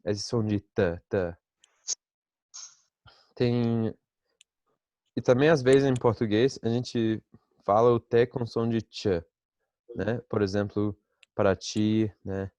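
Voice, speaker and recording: A man who grew up speaking teaches an online class in Portuguese, speaking slowly and patiently with a fairly low voice. He checks in with his students constantly. The sound is dry and close over the video call. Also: a little mellow, no echo. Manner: patient, slow explaining with many "né?" checks. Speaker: English teacher. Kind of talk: online language lesson.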